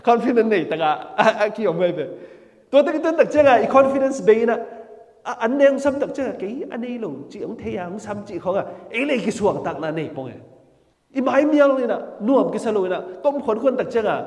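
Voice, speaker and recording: A man preaching a sermon in an animated way, often laughing and saying amen. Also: high voice, quick pace. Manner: animated, with frequent laughter and amens. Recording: long hall reverb.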